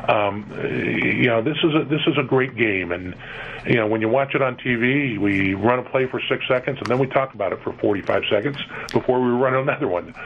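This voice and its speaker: A middle-aged man from California, a guest on a radio interview, who talks in a halting way with many repeated words and fillers. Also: medium pitch. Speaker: interview guest, museum executive. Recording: dull lo-fi radio broadcast with faint noise.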